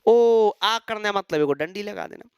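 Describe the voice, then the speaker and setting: A man's voice: high-pitched, normal speed, darkish tone, smooth, dry recording, lo-fi sound. A man teaching an exam-prep lecture, asking and answering his own questions and mimicking students.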